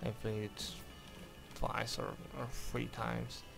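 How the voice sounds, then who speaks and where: With music in the background, a Hungarian man with a Hungarian accent voices over game footage as a reviewer, commenting hesitantly in careful English with many fillers and restarts. His medium-pitched voice is monotone with vocal fry, and he takes it slowly.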